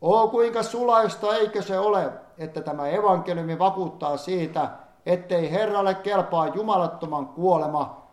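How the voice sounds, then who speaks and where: A man reading an old-fashioned sermon aloud in a solemn, fervent manner, rising in emphasis on pleading passages. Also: sits high. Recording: echoey room.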